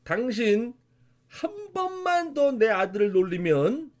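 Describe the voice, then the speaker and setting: A man's voice: very high voice, sing-song, slow pace, pitched above the performer's own voice, heavily acted. A man voicing a fierce, protective older mother. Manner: commanding, emphatic.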